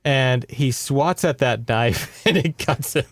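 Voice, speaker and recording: Chatting casually, this man hosts a podcast where he recaps a book's story and checks in with listeners. He speaks slowly in a mid-range voice, recorded to studio quality with no room sound.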